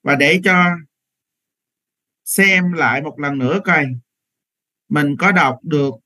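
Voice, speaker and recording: A man's voice: on the high side, slow, bright, forceful tone, low-quality recording. A man teaching English pronunciation in a live online class, repeating words patiently and correcting learners over a computer microphone.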